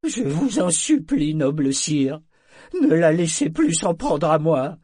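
A broken male prisoner pleads through tears, his voice pushed high and loud and stretched out slowly, as a man reading a story puts him on. It comes across as desperate, wailing begging in a storybook reading. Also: very animated, breathy edge, no echo, clean studio sound, heavily acted. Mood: sobbing pleading.

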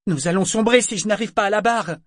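A man voicing a frightened young boy who shouts orders on a ship in a storm, in a high, strained voice. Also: a little fast, dry recording, clean studio sound. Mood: desperate shouting. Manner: high, strained, desperate yelling.

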